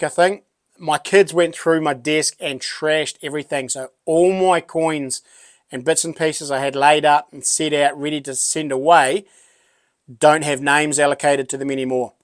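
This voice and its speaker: A man's voice: fairly high pitch, clean tone, no echo, clean studio sound. A middle-aged man with a broad New Zealand accent chats casually and matily as a livestream host, rambling in a laid-back way as he answers viewers. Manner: matey, laid-back and rambling, with local slang.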